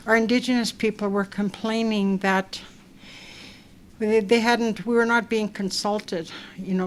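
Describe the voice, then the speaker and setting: A soft-spoken older woman speaks at a public panel, her voice stuffed up from a cold. She talks in a halting way with many fillers, and faint noise sits under her voice. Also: medium pitch. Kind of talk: personal talk at a public event.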